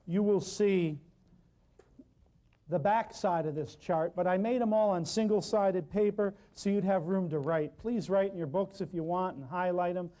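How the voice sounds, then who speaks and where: Teaching a natural healing workshop to a live class, this man speaks loudly and emphatically at a moderate pace. His voice sits high, and his folksy talk keeps circling back to repeated lists of words.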